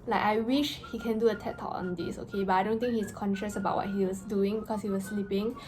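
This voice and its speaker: A young woman telling a story in a casual vlog rant, with an animated, exasperated, slangy delivery and emphatic stresses. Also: mid-range voice, fast, rough recording. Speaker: vlogger. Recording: music playing behind the voice. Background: background music.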